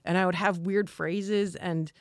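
A woman comedian being interviewed, talking in a halting, self-deprecating way with frequent restarts. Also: fairly low pitch, steady tone, dry recording, studio quality. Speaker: guest comedian. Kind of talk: casual interview chat.

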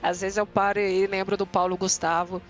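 Woman, animated storyteller, casual podcast chat, faint music behind. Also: medium pitch, normal speed. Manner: animated storyteller, acts out quotes loudly. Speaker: podcast guest, streamer.

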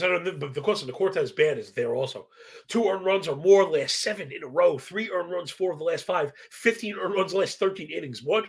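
High-pitched, creaky-voiced man talking baseball bets. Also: a bit bright. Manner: slangy, asks "right?" as a constant tag; self-described professorial, rattles off statistics. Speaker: sports betting analyst, live stream host. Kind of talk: casual, stat-heavy baseball betting commentary.

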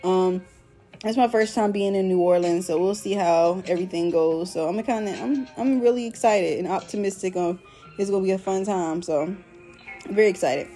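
A woman hosting a solo podcast in casual, slangy chat, rambling in a stoned, high-sounding drawl and talking straight to her listeners as y'all. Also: normal speed, mellow, faint music behind. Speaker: podcast host.

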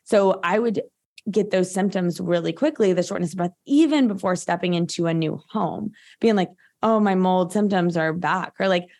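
A woman's voice: fairly low pitch, moderate pace, a little mellow. Chatty woman in her thirties. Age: 30s. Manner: chatty, frequent "like" fillers. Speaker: guest practitioner. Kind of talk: casual interview talk.

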